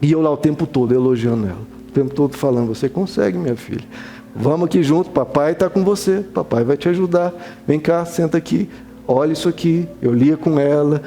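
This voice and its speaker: A man's voice: a little high, a little fast, dark tone, slight background noise. A man preaching a sermon as a pastor, earnest and conversational, acting out little dialogues.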